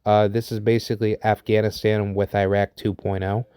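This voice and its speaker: A man's voice: on the low side, level tone, normal speed, mellow, clean tone, dry recording, clean studio sound. A man in his thirties from the United States giving an unscripted opinion monologue. He rambles, with many fillers and restarts. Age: 30s. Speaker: vlogger sharing opinions.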